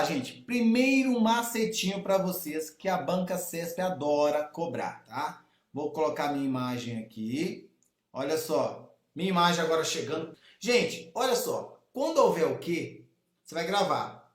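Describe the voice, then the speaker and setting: Brazilian male teacher, high voice, lively and repetitive, echoey room. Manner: lively, addresses students directly, repeats key rules. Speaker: Portuguese teacher for exam candidates. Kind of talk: exam prep lesson.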